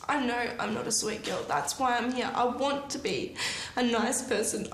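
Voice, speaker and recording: A woman's voice: on the high side, normal speed, reverberant, a little hiss or hum. A young woman, tearful and defensive, pleading her case as a reality show student. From Australia. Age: young adult.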